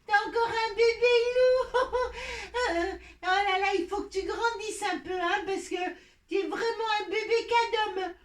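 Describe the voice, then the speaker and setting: A woman's voice: very high-pitched, unhurried. A woman voicing a teasing, scoffing rabbit with a playful sing-song manner in a children's story. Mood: mocking, amused. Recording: echoey room, distant from mic.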